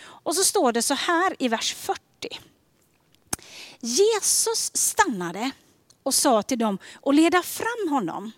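A woman giving a sermon in a gentle, conversational way, often dropping to a soft near-whisper on key questions. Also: high voice, very animated, slight background noise. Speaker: preacher.

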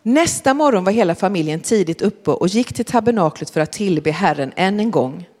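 A woman telling a Bible story to children in a large hall, often asking them questions. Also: mid-range voice. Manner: animated, questioning the listeners.

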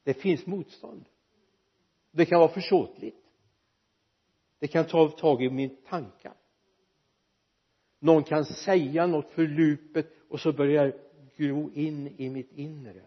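A man preaching a sermon in a church, lively and joking with the congregation. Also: on the high side, pauses often, breathy edge, muffled recording. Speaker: pastor.

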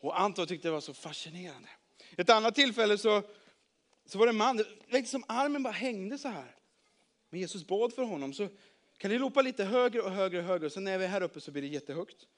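Brief: animated male children's storyteller, high voice, engages the kids. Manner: lively, involves the audience. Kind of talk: Bible story told to children.

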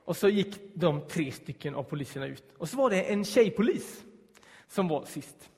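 A man telling a personal story aloud, suspenseful and hushed at the tense moments, acting out the voices he quotes. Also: high-pitched, expressive, big-room sound.

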